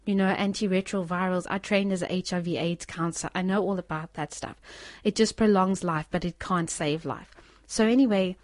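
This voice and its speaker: A woman's voice: lowish voice, no echo. A woman giving an informal sermon and sharing a testimony in an earnest way, often restarting her sentences. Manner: earnest, with repeated restarts and soft laughs.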